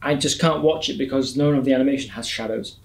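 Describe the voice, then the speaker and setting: A man's voice: medium pitch, quick pace. A man co-hosting a podcast, chatting casually with friends in a hesitant way, often correcting himself. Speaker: podcast co-host. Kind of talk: casual banter about toys. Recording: echoey, reverberant room.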